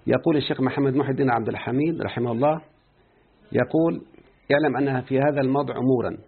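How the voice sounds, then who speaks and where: A man with an Egyptian Arabic accent teaching a grammar lesson, who keeps quizzing his student and slowly repeats words. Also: medium pitch, creaky, slightly rough. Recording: tinny phone-like line.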